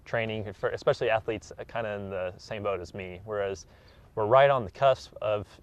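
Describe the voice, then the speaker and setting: A young American track athlete in his twenties gives a casual interview, coming across as earnest and modest. His voice runs on the low side, smooth and fairly quick.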